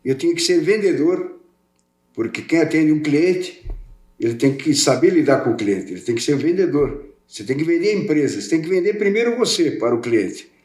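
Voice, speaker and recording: A man's voice: a little high, animated, fairly quick, darkish tone. An older man from Portugal raised in Brazil, chatting as a podcast guest in a rambling way, repeating and restarting words. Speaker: podcast guest, welding specialist. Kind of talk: casual interview chat. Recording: roomy echo.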